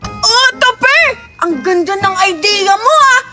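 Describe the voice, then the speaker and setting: A woman voicing an excitable little girl in a cartoon, gushing and sometimes whiny. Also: very high voice, takes it slowly, heavily acted. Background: background music.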